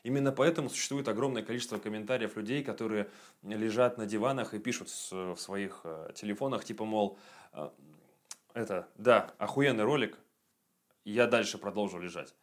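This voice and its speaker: A man's voice: lowish voice, brisk. A man in his late twenties giving a casual self-improvement monologue for his video channel, blunt and profane, with frequent fillers. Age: 20s. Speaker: video blogger.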